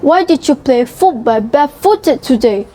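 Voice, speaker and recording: A woman voicing a patient father gently advising his young son in a children's storybook reading. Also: sits high, lively intonation, normal speed. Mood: questioning.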